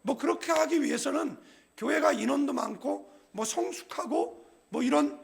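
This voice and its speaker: A middle-aged male pastor giving a humorous, conversational sermon, often asking the congregation "예?" and acting out other people's words in a lower voice. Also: normal speed, creaky. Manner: humorous, conversational preaching with frequent call-and-response "예?"; acts out quoted people in a lower, softer voice. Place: church sanctuary.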